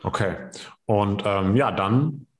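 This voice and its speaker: A man's voice: on the low side, slow. A man hosting a casual podcast about personal training, talking loosely with many fillers and tag questions. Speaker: podcast host.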